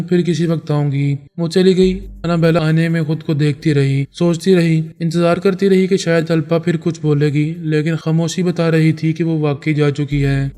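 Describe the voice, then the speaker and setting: A male storyteller reads a serialized tale in a measured, even way. His voice is smooth and resonant with a mellow warmth, pitched a little high for a man. The delivery stays steady and scripted.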